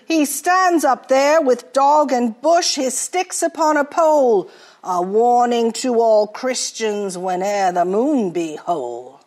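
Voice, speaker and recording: A woman voicing a soldier, tavern storyteller, rhyming verse, unhurried. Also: extremely high pitch, animated, exaggerated voice. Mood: storytelling. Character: old-world soldier telling a moon legend.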